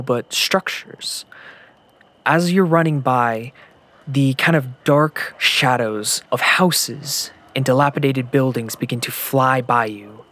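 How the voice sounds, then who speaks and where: A man's voice: medium pitch, fairly bright tone. A man running a tabletop role-playing game as game master, narrating in second person and building suspense with repeated words. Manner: descriptive, builds suspense with repetition.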